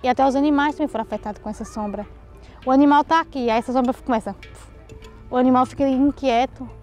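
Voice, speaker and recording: Fast-talking woman. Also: high-pitched, fairly even intonation, a little mellow, soft background music. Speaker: local resident, mother. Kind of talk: interview testimony.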